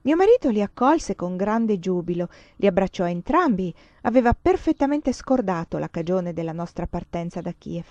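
A woman reading a novel aloud in a measured, expressive way. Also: on the low side, no echo. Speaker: reader. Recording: dull dry lo-fi reading.

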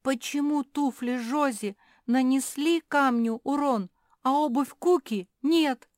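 Woman voicing a curious young girl animal, high, storybook. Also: slow, a little mellow, dry recording, clean studio sound. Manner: explaining, questioning.

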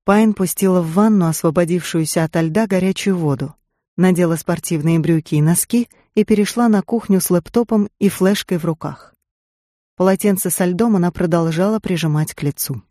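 An audiobook reader giving calm, even scripted narration. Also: mid-range voice, brisk, no echo, clean studio sound.

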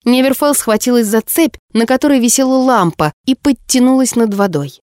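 A woman narrating a story in a measured, expressive audiobook reading. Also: fairly high pitch, no echo, clean studio sound.

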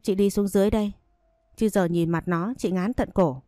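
A woman's voice: mid-range voice, moderate pace, no room sound, studio quality, natural voice. A woman voicing a harsh, scolding landlady in a spoken story. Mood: curt. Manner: scolding, sharp.

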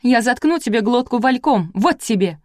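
A woman reading aloud, voicing a furious jealous farm wife who shouts threats. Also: fairly high pitch, lively intonation, normal speed, dry recording, studio quality, voice pushed up, natural voice.

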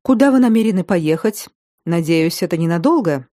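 A woman voicing a reserved noble husband who speaks in a polite, measured way. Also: on the low side, lively intonation, warm tone, dry recording, clean studio sound, lightly acted.

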